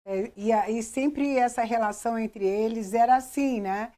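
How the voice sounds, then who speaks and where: A woman's voice: on the high side, moderate pace, mellow. Woman hosting a talk show. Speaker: host.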